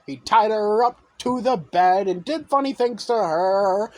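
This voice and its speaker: Slow sing-song improvised storyteller. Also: mid-range voice, darkish tone.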